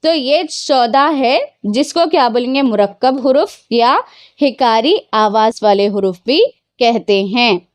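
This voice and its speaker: A woman's voice: a little high, unhurried, no echo. A woman teacher giving a grammar lesson to children, patiently asking questions and answering them herself, mixing English words into her explanations. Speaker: Urdu teacher.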